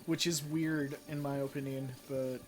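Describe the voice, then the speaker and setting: While streaming a game with loud music playing underneath, a Mexican live streamer and channel moderator who speaks Spanish talks with his viewers and reads their comments aloud, with many fillers and restarts. He speaks a little slowly in a mid-range voice that barely moves in pitch.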